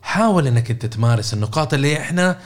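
A man's voice: medium pitch, animated, very fast, soft background music. A man giving a casual coaching talk, repeating words and checking in with listeners by asking questions. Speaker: podcast host and coach.

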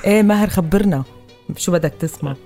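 A woman's voice: fairly low pitch, quick pace, dark tone. A woman with a Levantine, Lebanese Arabic accent co-hosting a morning radio show with casual banter. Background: background music.

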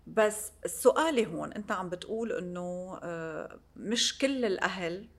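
Lebanese arabic lady doing an interview, slightly low voice, chatty, mixes in foreign words. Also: lively intonation, moderate pace. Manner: peppers Arabic with foreign loanwords. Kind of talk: conversational interview.

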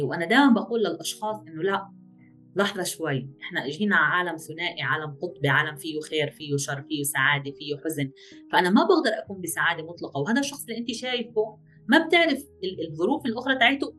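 Woman, Levantine Arabic accent, psychologist guest, radio interview, very fast talker, explains with practical examples. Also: lowish voice.

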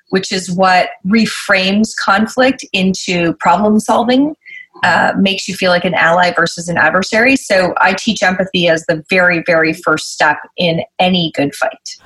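A woman's voice: on the low side, fairly bright tone, rough recording. A woman guest in an interview, explaining conflict at work in an articulate, conversational way and acting out quoted emails.

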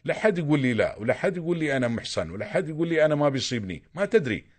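Fast-talking Emirati man lecturing listeners. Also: on the high side, big pitch swings. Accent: Emirati Arabic. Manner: insistent, lecturing, repeats himself. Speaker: caller. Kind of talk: radio call-in advice.

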